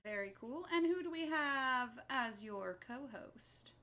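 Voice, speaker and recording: A woman hosting a charity speedrun livestream, upbeat and brisk as she counts runners in. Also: high voice, expressive, bright, forceful tone. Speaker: speedathon event host.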